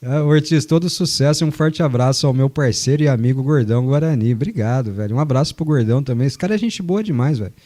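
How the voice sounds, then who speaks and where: A man's voice: mid-range voice, fast talker, hardly any pauses, dark tone. A man hosting a radio sports show, chatting casually, joking and reading listener messages. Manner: chatty, joking, long explanations. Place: radio studio.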